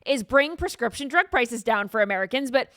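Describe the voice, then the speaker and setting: A woman's voice: fairly high pitch, animated, a little fast, a bit bright, dry recording, studio quality. A woman hosting a commentary show, talking in a dismissive, emphatic way. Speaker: show host. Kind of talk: opinionated commentary.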